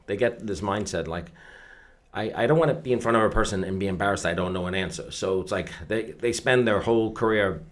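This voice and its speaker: A man's voice: lowish voice, a little fast. A man hosting a casual interview, a real estate instructor who often stammers as he starts sentences and keeps affirming his guest.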